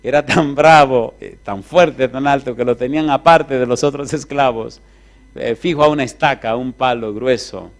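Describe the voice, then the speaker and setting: Male preacher, sermon storyteller, mid-pitched voice, animated and drawn-out.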